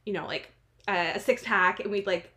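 A woman in her late twenties from New Jersey with an American accent, chatting casually as a podcast guest in an animated, wry, self-deprecating way. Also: mid-range voice, moderate pace. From New Jersey, United States. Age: late 20s. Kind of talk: casual interview chat.

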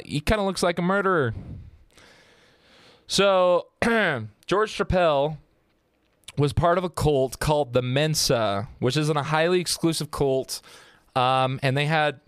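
A man's voice: a little high, a little slow, clear, resonant tone, dry recording, studio quality. A man hosting a casual true-crime podcast, telling the story in a joking, profane and rambling way. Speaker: podcast host.

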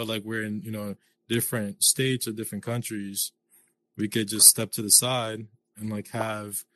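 Low, flat-voiced man hosting a chat. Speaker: podcast host. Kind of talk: casual chat. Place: virtual reality social space.

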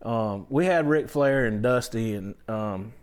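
A man's voice: medium pitch, unhurried, clean tone. A man in his fifties, a songwriter guest, telling stories in a rambling way full of fillers and restarts. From southern Georgia, US. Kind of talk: casual storytelling chat.

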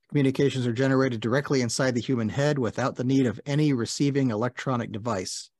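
A man's voice: mid-range voice, a little mellow, dry recording, clean studio sound. A man co-hosting a podcast who reads a definition aloud, then cracks a joke about it. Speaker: podcast co-host. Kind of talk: casual chat.

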